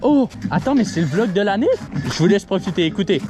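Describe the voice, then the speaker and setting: A young man vlogging on his own as he walks outdoors at night, rambling excitedly to an action camera with bursts of shouting. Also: high voice, brisk, music in the background. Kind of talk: casual solo vlog to camera. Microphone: action camera mic.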